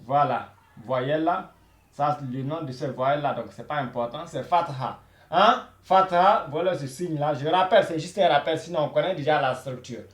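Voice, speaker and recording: Guy teaching beginner arabic, high voice, slow and repetitive, echoey room. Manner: slow, repetitive, says "voilà" often. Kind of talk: beginner language lesson.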